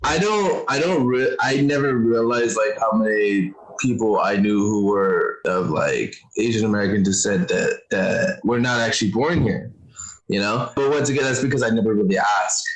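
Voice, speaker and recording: A man's voice: on the low side, moderate pace, rough recording. A young man co-hosting a casual group chat, rambling and drawing out his phrases. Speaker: podcast co-host.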